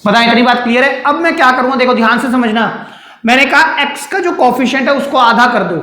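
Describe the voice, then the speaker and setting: A man's voice: very high voice, fast, pushed and bright. A man teaching a maths lesson at a board, explaining step by step and putting questions to his students, then answering them himself. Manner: calls students "beta" and "sir". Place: classroom with a board. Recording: echoey room.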